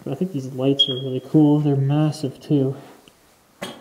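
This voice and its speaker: A man's voice: mid-range voice, level tone, normal speed, dark tone, slight background noise, poor audio. A young man casually narrating a walk through an empty abandoned house, thinking aloud and laughing easily while wearing a respirator. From Canada. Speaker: urban explorer host. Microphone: camera mic, wearing a respirator mask.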